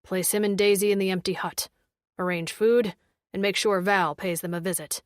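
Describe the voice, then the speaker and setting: A woman voicing a massive male alien warrior who speaks in a low, calm, commanding rumble. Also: normal speed, no echo, studio quality, lightly acted.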